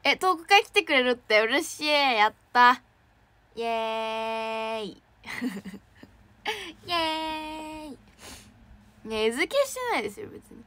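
A young woman, an idol trainee, chatting casually on a livestream and reacting excitedly to fan messages. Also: high-pitched, brisk, hardly any pauses. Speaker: idol trainee streaming to fans.

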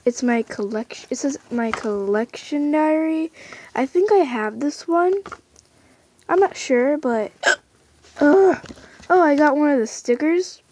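A female vlogger unboxing a toy in casual chat, halting and hesitant, full of fillers and restarts, now and then dropping to a whisper. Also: high voice, lively intonation, slight background noise. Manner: soft-spoken, drifting into whispers.

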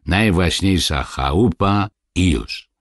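A man voicing a poor, stubborn peasant who talks in a curt rustic dialect, louder and higher than his narration. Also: expressive, slow, dry recording, studio quality, exaggerated voice. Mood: gruff.

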